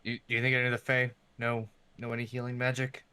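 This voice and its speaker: A man's voice: medium pitch, monotone, fast talker, sharp tone, clean tone. A man playing a tabletop game, talking bluntly and arguing in character. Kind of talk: casual in-character banter.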